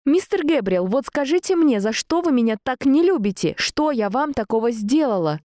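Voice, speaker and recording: A woman voicing an indignant, quick-tempered young heroine who throws out sharp, outraged exclamations. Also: medium pitch, no room sound, studio quality, voice pushed up, close to an everyday voice.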